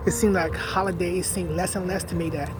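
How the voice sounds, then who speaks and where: Man, late 50s, high-pitched voice, confessional and sad, outdoors with music playing behind him. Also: steady tone, fairly quick. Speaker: vlogger. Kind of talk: personal reflective monologue.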